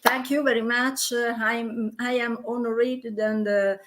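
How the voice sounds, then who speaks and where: A woman whose first language is Italian asks interview questions in English with a clear Italian accent. She speaks slowly and haltingly, filling gaps with uhs as she searches for words. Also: a little high, level tone, fairly bright tone.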